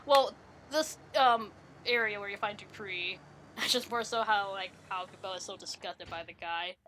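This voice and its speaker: A woman's voice: medium pitch, normal speed, a bit bright, slight background noise. A woman giving casual, giggly gameplay commentary, chatting with lots of fillers. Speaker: let's play gamer.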